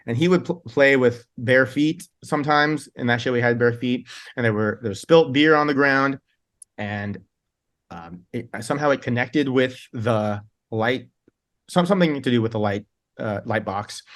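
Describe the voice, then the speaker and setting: Band singer dude rambling thru old tour stories, laughs a lot, keeps restarting. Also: male voice, mid-range voice. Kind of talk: casual interview storytelling.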